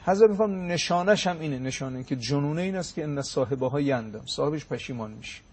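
Male religious lecturer with a slightly husky voice, who recites slowly and then explains quickly. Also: a little high, lively intonation, darkish tone. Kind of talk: religious talk explaining sayings.

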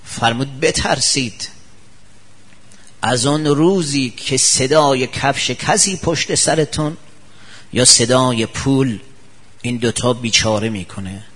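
A man's voice: pauses often, husky. A male preacher giving a sermon full of anecdotes, acting out the people he quotes with sudden jumps in his voice. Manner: acts out quoted people with sharp pitch jumps.

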